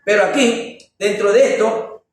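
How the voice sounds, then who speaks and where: A man teaching a Bible lesson in an emphatic preaching style, stressing words with sharp rises and asking rhetorical questions. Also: high-pitched, steady tone, a little slow. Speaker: Bible teacher leading a church economics class. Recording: echoey room, voice from far off, faint noise.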